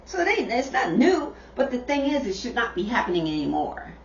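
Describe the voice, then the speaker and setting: A middle-aged mother talking casually to her viewers on camera, slow and repetitive, calling them y'all. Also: a little high, very animated. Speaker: vlogger, mother. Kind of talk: casual direct-to-camera talk. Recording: dull, roomy, distant camera audio.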